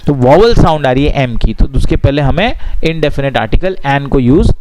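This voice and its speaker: A man's voice: medium pitch, animated, noisy background. Patient Indian male grammar teacher. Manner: patient, asks and answers his own questions; reads English rules slowly and deliberately. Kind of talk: explanatory lesson mixing Hindi and English.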